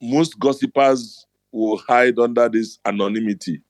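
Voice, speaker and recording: A man's voice: mid-range voice, steady tone, a little slow, no echo. A middle-aged man with a Nigerian accent, hosting a motivational talk and telling his stories bluntly and emphatically. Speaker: host.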